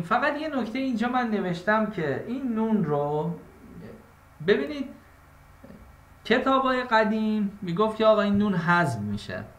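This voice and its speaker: A man's voice: high-pitched, fairly bright tone. Man teaching meter in an echoey room. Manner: explains step by step, recites verses slowly in a chant; addresses students directly and casually. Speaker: exam-prep literature teacher. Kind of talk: online exam-prep class on poetic meter.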